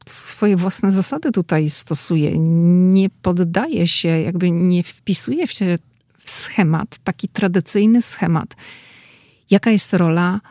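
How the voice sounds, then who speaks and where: A woman reporter talking casually and with animation about an event she attended, quick to push back in discussion. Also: lowish voice, warm tone, dry recording, studio quality. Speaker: correspondent.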